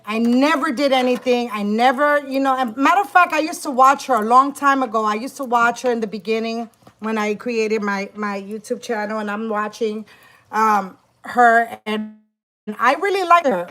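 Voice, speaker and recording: A middle-aged woman tells a story to her camera in a casual vlog, cursing freely and restarting her sentences as she builds her point. Her voice is bright and sits a little high. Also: moderate pace. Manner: emphatic, profane, many restarts. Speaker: spiritual practitioner and YouTuber.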